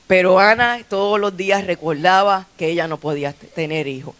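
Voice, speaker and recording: A woman's voice: lowish voice, a little fast, fairly bright tone. Woman preaching conversationally. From Puerto Rico. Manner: conversational preaching with frequent restarts and light laughs. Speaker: pastor. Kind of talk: sermon. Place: church sanctuary.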